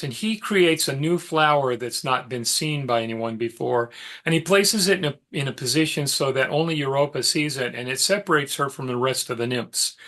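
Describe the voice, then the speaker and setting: A middle-aged man teaching a mythology class, telling the story in a relaxed, conversational way with fillers and side remarks. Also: on the high side. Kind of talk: informal lecture storytelling.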